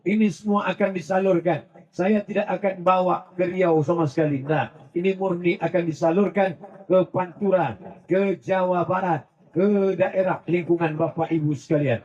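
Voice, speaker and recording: High-voiced husky male preacher. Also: steady tone, moderate pace, a little mellow, muffled recording. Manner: rhetorical, jokey anecdotes, Arabic verse recitation, rising emphatic calls. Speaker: Islamic preacher. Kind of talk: sermon to a large crowd. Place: large religious gathering.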